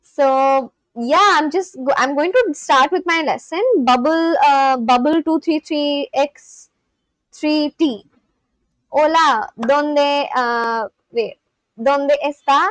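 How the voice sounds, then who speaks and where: Hosting a live stream, a young woman from India chats casually in Indian English, rambling with many fillers and restarts. She takes it slowly in a high voice, and the recording is low-quality though free of echo.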